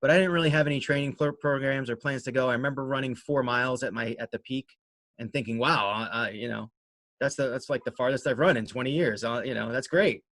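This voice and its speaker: A fast-talking man with a bit-bright, mid-range voice answers interview questions as a guest; he is an amateur runner and race organizer. He speaks casually, rambling and poking fun at himself, with no echo on the recording.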